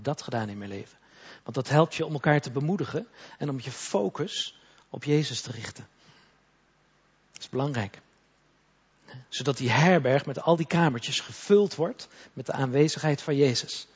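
A man with a very husky, breathy voice preaches in a church service. He speaks softly and intimately, sometimes sinks to a whisper and sometimes rises into forceful declarations. The recording sounds dull and lo-fi. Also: medium pitch. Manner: soft and intimate, dropping to whispers, then rising to forceful commands. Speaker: pastor. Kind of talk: prophetic sermon ministry.

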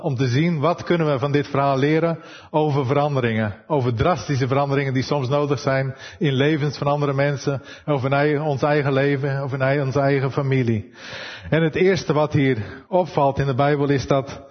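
A Dutch man preaching a sermon, soft-spoken and unhurried, pausing and searching for words as he goes. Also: medium pitch, steady tone, long reverb tail, lo-fi sound. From Netherlands.

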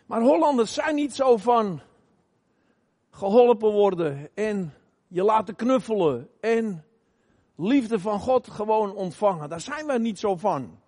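A middle-aged man preaching an emphatic sermon in a church, asking the congregation questions and sometimes shouting. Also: high voice, animated, slow. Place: church hall. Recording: long reverb of a church hall.

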